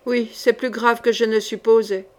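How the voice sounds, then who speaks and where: A woman's voice: fairly high pitch, little pitch movement, moderate pace, close to an everyday voice. A woman voicing a shaky, anxious henchman. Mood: worried. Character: anxious male henchman, rough, shaken.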